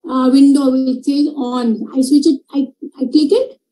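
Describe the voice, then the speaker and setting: A middle-aged woman with a North Indian accent lectures over a video call. Her voice sits very high, yet has a soft, dark tone rather than a sharp one. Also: steady tone, measured pace, low-quality recording. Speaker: gynecologist giving a webinar lecture. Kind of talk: slide lecture. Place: indoor room, video call.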